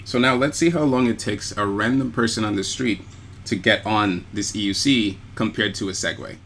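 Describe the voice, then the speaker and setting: Outdoors on a city street, a man with a fairly low voice vlogs to camera at a normal pace amid loud traffic noise. He rides an electric unicycle and explains things in an easygoing, conversational way, checking in with his listeners.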